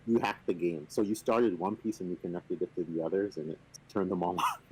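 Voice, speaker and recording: A man on a video call casually explaining a game, relaxed and playfully boastful, with lots of fillers. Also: low voice, a little fast, breathy edge, dry recording, poor audio. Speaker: company representative teaching the game. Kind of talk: casual chat on a stream.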